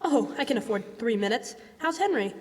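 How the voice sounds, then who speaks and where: A woman's voice: on the high side, lively intonation, brisk, a little mellow, close to an everyday voice. A woman playing a chatty, breezy housewife friend in a classic-style radio drama performed on stage. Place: on stage in a school hall. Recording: echoey hall, live stage performance.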